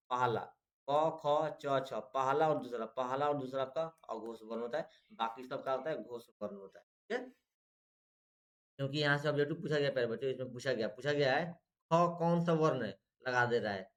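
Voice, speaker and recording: Male teacher of middle pitch for an exam-prep lesson; drills every point by repetition and questions. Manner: repetitive, drills and quizzes students.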